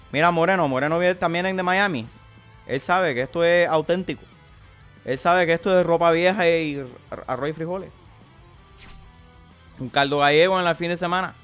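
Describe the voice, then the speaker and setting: A man's voice: a little high, a bit bright, lightly acted. A man streamer putting on a playful Cuban Spanish accent as a slangy, crude Miami guy talking through game cards. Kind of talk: casual game commentary.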